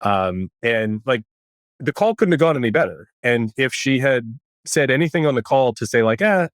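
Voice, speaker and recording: A man's voice: mid-range voice, animated, moderate pace, dry recording, clean studio sound. A man speaking as a startup founder in a candid, casual interview, with a tech-bro manner heavy on venture jargon.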